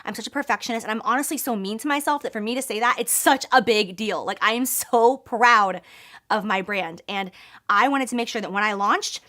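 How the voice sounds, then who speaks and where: Young female beauty vlogger, emphatic and gushing, breaks into excited squeals. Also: fairly high pitch, fairly quick. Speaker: beauty YouTuber launching her brand. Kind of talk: excited product reveal vlog.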